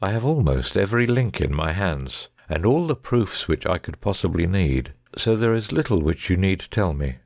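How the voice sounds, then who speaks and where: A man's voice: low-pitched, big pitch swings, moderate pace, creaky, few pauses, a little mellow, dry recording, clean studio sound, full character voice. A man playing a shrewd, commanding, coolly sardonic detective with precise, formal speech in an audiobook dramatic reading. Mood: stern, accusing.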